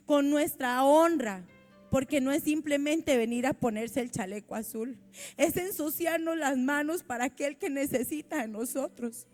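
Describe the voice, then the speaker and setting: High-voiced Costa Rican woman preaching. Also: darkish tone. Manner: reads scripture aloud and adds fervent commentary. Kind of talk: sermon. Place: church.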